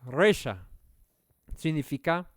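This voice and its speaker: A man's voice: fairly high pitch, sing-song, slow, no echo. A man teaching a verse-by-verse Bible study in an earnest, explanatory way. He pushes key points with rising emphasis and sometimes searches aloud for the right word. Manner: self-correcting, searching for words aloud.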